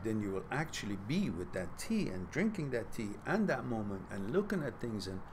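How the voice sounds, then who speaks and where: A man's voice: on the low side, big pitch swings, moderate pace, noisy background. A middle-aged man hosting a live question-and-answer stream, giving reflective advice and reading out viewers' messages. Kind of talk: casual live advice talk.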